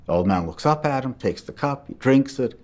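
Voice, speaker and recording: Animated man telling a story. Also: medium pitch, brisk. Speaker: interviewee. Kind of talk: documentary interview, storytelling.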